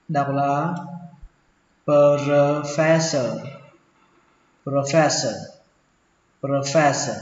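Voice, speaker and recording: Slow, patient male teacher, echoey room. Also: on the high side. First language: Vietnamese. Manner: patient, repeats each word several times. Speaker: English teacher. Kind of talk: slow vocabulary lesson with repeated pronunciations. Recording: echoey room with long reverb, dull lo-fi sound.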